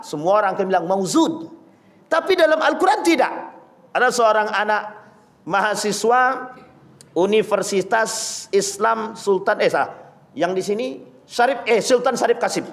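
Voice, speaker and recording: High voiced guy preaching to a crowd, lively storyteller, does little voices for people. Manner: addresses audience directly as Bapak Ibu. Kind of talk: sermon.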